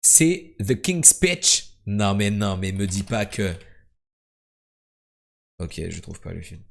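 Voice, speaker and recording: Young guy streaming games, super lively up and down voice, loud then mumbly, jokey. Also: takes it slowly, vocal fry. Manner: animated and joking, swinging between loud bursts and low mumbles. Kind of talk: casual live-stream commentary.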